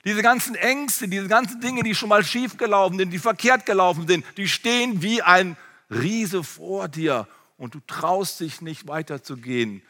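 Animated male pastor, bright tone, sermon in a church with long reverb. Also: sits high, moderate pace. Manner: animated, addresses congregation directly.

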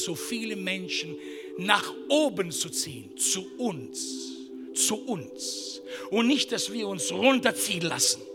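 A man preaching a sermon as pastor of his church, emphatic, swinging from shouted lines down to hushed whispers. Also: extremely high pitch. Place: church service. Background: music.

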